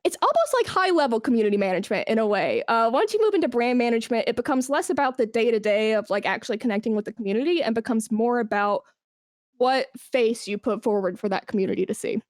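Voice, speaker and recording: Appearing as a podcast guest, a woman who manages an esports brand chats casually, using examples and emphasis to explain her points. She speaks quickly in a slightly high voice with lively intonation, recorded at studio quality without echo.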